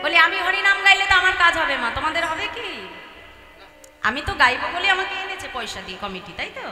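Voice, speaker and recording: A woman's voice: very high voice, lively intonation, fast. A woman kirtan singer preaching and leading sung chanting, coaxing the crowd to respond. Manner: coaxing, leads call-and-response. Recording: echoey hall, far from mic, with music. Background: instrumental music.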